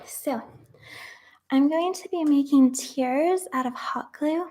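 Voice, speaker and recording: Speaking slowly in a high voice with a dark tone, a young woman chats casually as she works on crafts. Her talk rambles, is full of fillers, and sometimes sinks into a whisper.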